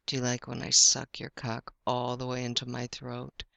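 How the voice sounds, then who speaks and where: A young woman speaking in a slow, teasing, intimate way, her voice crackling with deep vocal fry. Her tone is bright and forward despite the hush, and she slips into soft whispers at times. The recording is dry and close, with no room around it. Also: completely flat delivery, dry recording.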